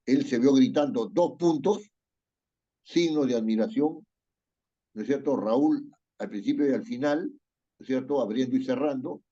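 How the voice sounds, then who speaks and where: A male writing teacher leads an online class with a mellow, slightly husky voice. He reads a passage aloud, names every comma and accent mark, and keeps asking his students to confirm. The sound is dull and lo-fi, like a video call. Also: medium pitch. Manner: dictates punctuation aloud, checks with "¿no es cierto?". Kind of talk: online class, reading and correcting a text.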